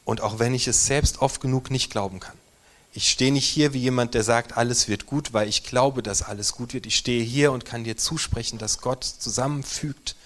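Male pastor, sermon delivery, emphatic, drops to near-whispers, mid pitch. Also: fairly even intonation, normal speed. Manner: emphatic preaching, swinging between loud stresses and hushed near-whispered lines.

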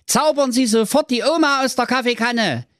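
A man's voice: very high voice, normal speed, fairly bright tone, dry recording, pitched above the performer's own voice. A man voicing a foolish, cheerful young man in a comedic storybook, talking in a goofy, chirpy voice. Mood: naive cheerful.

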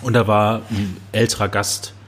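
A man's voice: lowish voice, level tone, moderate pace, a little hiss or hum. A male podcast host chatting casually, briefly recalling a shared memory.

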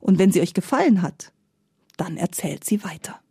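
A woman storyteller narrating a fairy tale in a lively, playful way, recorded close and dry. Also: lowish voice, normal speed, over music.

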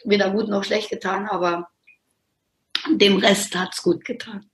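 Hoarse, raspy woman in an echoey room. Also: mid-range voice, little pitch movement, unhurried. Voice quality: raspy, strained voice. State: hoarse since the day before. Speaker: podcast co-host, astrologer. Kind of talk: casual chat. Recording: echoey, roomy sound.

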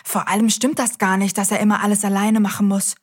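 A woman's voice: mid-range voice, level tone, fast, slightly rough. A woman hosting a scripted children's audio show, cheerfully talking straight to the kids.

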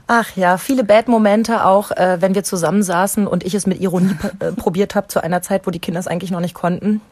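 A woman's voice: mid-range voice, fairly even intonation, fast, a little mellow, no room sound. Self-mocking woman in dry close sound. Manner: self-mocking, laughs while telling. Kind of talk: casual chat.

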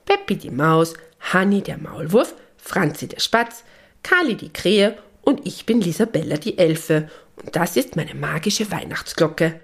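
A woman's voice: lowish voice, sing-song, measured pace, vocal fry, breathy edge, heavily acted. Woman voicing a cheerful little elf girl. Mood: bright. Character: kind little female Christmas elf.

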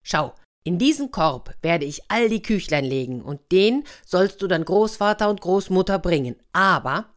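Woman voicing little storybook girl, clever, plucky, bright, insistent. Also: lowish voice, expressive, moderate pace, few pauses, natural voice. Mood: pleading. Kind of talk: storybook reading.

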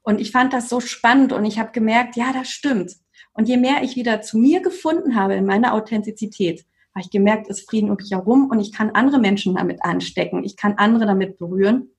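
A woman speaks at an ordinary middle pitch. She talks earnestly and reflectively as a guest in a casual interview, often pausing on hesitant fillers and circling back to rephrase her point. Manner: earnest and reflective, with frequent "ähm" fillers and repetitions. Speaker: yoga teacher, podcast guest.

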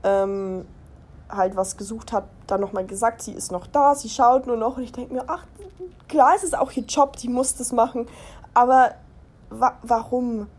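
Her voice is fairly high and a little mellow, moving at a normal pace: a young adult woman from Germany hosting a laid-back personal podcast. She chats, giggles, wanders between topics and keeps cutting herself off.

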